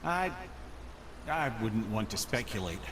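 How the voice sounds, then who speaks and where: A man's voice: fairly low pitch, big pitch swings, a little slow, noisy background. An actor with a Scottish accent playing a wry, genial talking head who boasts of his cleverness in a video game. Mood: guarded, knowing. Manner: wry, teasing, theatrical. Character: talking severed head, self-proclaimed smartest man, wry and genial. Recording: loud game music behind.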